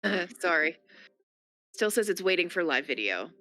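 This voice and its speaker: A woman's voice: lowish voice, very animated, normal speed, sharp tone. A woman chatting casually in a cheerful way. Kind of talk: casual chat.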